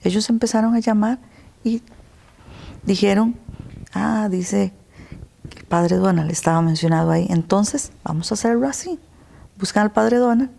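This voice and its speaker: A woman with a Costa Rican accent, telling her personal story in an interview, earnest and emotional, at times dropping to a soft whisper. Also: mid-range voice, normal speed, gravelly, long pauses. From Costa Rica. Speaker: interview guest.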